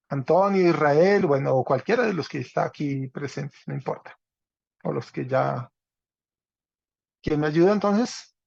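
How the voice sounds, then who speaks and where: A man's voice: fairly high pitch, creaky, a little mellow, no room sound. A man teaching a Greek class online, patiently checking that students follow along. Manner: patient, checks understanding with "¿cierto?". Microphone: video call. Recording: slightly dull, dry online call audio.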